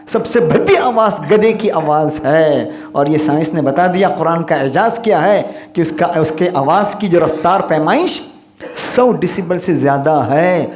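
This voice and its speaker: A man, an imam, giving a Friday sermon with earnest exhortation and recited Arabic verses. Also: high-pitched. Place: mosque. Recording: echoey mosque hall.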